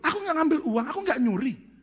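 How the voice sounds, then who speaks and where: A man voicing a calm male pastor who insists on his innocence in a raised voice, heard in a reverberant hall. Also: very high-pitched, fast, pitched above the performer's own voice, exaggerated voice. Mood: defensive. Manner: insistent, self-justifying denial. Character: cool, unflustered male pastor. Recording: long reverb of a large hall.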